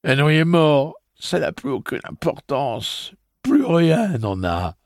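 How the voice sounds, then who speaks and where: A man voicing a distraught, frightened young man who sobs and pleads in a shrill voice. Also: very animated, slow pace, slightly rough, no room sound, studio quality, exaggerated voice. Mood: shrieking.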